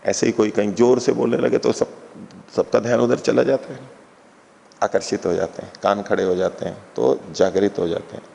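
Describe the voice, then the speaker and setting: Gravelly man teaching in an echoing hall. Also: lowish voice, fairly even intonation, normal speed, mellow, slight background noise. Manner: patient, repeats and unpacks each term. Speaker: scripture teacher. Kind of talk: explanatory lecture on a philosophy text.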